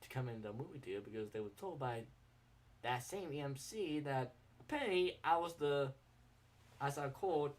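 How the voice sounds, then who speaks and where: A man's voice: medium pitch, lively intonation, normal speed. A man co-hosting a podcast, rambling through a casual story with swearing and laughs between lines. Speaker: podcast co-host.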